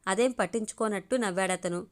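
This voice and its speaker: A woman storyteller reading a romantic family story aloud, in steady narration. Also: medium pitch, brisk. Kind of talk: scripted audio story narration.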